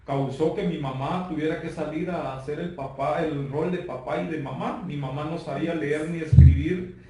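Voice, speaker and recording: A man turning forty with a Guatemalan Spanish accent, telling his life testimony in an earnest, measured way. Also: a little high, fairly even intonation, mellow. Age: 30s. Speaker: guest giving testimony. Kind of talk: personal testimony. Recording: roomy far-off mic with faint noise.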